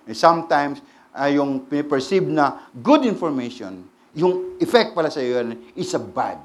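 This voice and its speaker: A middle-aged man with a Filipino accent, preaching a lively sermon and asking the congregation questions. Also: fairly high pitch, unhurried, a little hiss or hum. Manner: animated, switches between Tagalog and English, asks the congregation questions. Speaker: pastor.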